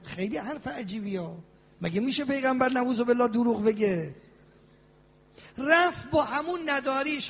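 A cleric delivers a sermon in an extremely high-pitched voice, animated and full of drawn-out invocations and sing-song passages. Long hall reverb surrounds the recording.

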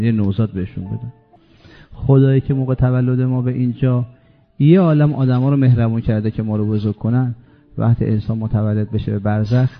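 A man delivers a religious sermon. He climbs to loud, emphatic peaks and then sinks to quiet, slow passages. The recording sounds dull and lo-fi, like a radio broadcast, with faint music underneath. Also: mid-range voice. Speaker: preacher.

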